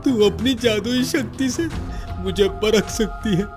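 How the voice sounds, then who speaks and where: A man's voice: sits high, measured pace, music in the background. A man voicing a poor, honest village father in a cartoon story, begging and pleading emotionally. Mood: earnest. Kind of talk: cartoon voice acting.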